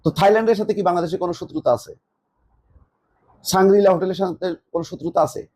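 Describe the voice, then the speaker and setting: A man's voice: sits high, fast talker, dark tone. A man giving political commentary, mocking his opponents with a string of rhetorical questions.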